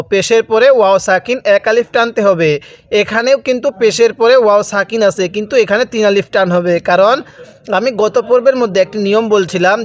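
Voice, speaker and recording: Spelling out each letter and then slowly drawing out the words, a high-pitched man teaches Quran recitation one step at a time. Along the way he asks the viewer questions, which he then answers himself.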